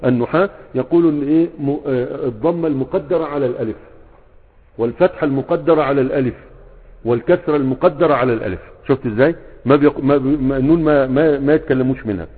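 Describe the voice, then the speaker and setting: Here a husky, medium-pitched man talks quickly with an Egyptian accent while teaching grammar as a sheikh. His classroom lesson is full of fill-in-the-blank prompts, and he checks on his students' understanding again and again. Audio is tinny, as if from a phone, and the hall reverberates.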